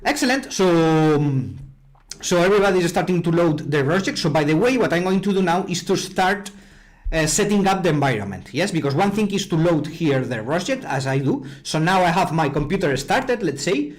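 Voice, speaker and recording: A man's voice: fairly high pitch, expressive, fairly quick. A man from Spain with a Spanish accent, teaching a live online programming class in a chatty way, often repeating words and answering viewers' chat. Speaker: online robotics instructor. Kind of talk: live-streamed coding class.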